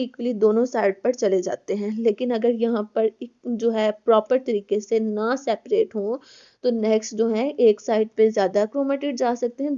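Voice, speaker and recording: A woman teaches a college biology class, going step by step, repeating herself and addressing the students as children. Her voice is fairly high yet mellow and dark in tone. The recording is dull and lo-fi.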